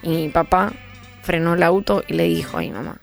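A woman with a Rioplatense Spanish accent on a radio show, telling a family story on air as a quick storyteller. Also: on the low side, gravelly, soft background music. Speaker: radio co-host.

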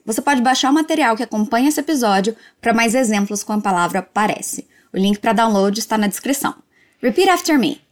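A woman teaching English in a language lesson, modelling phrases slowly and drawing them out for learners to repeat. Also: a little high. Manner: slow, drawn-out model phrases for repetition.

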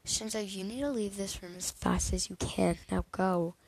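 A woman's voice: medium pitch, steady tone, moderate pace, creaky, darkish tone, husky, no echo, low-quality recording. A woman voicing a stern middle-aged male teacher in a fan fiction reading, giving firm instructions.

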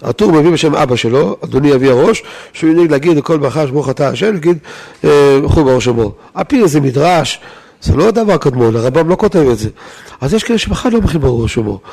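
Man giving a lively Torah lesson. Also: a little high. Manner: lively, rhetorical questions to listeners. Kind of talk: weekly Torah lesson to a live audience.

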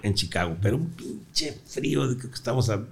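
A man's voice: medium pitch, expressive, moderate pace, vocal fry, breathy edge. Casting: middle-aged Mexican man, comedian guest, salty joking storyteller. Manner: profane, joking, laughs through his own stories. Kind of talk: casual storytelling interview.

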